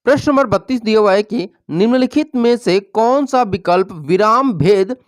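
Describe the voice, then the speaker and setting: A teacher giving an exam-prep lesson, reading out multiple-choice questions and explaining each answer in a steady, explanatory way, often pausing to check in with the class. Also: mid-range voice, no room sound, studio quality.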